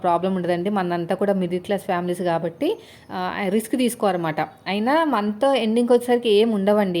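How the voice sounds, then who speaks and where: Chatty woman in her 30s rambling to viewers while ironing, pretty average pitch. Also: a little mellow. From India. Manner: chatty, rambling, frequent fillers. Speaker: vlogger, housewife. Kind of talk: casual chat while doing chores.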